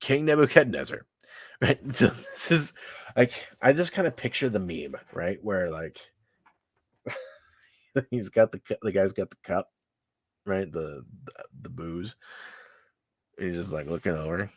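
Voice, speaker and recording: A man's voice: low-pitched, animated, a little slow, long pauses, husky, no echo. A man leading a casual Bible study livestream, chatty and loose, often laughing and tossing in "like" and "right?". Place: church livestream.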